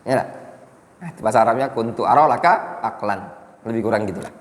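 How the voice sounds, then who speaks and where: Ustadz berlogat di aula masjid yang bergema. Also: male voice, on the low side, lively intonation, fast talker. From Indonesia. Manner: explains Arabic texts line by line, jokes and quizzes the class. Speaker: ustadz teaching a mosque class. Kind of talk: religious lesson. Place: mosque hall. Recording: echoey mosque hall.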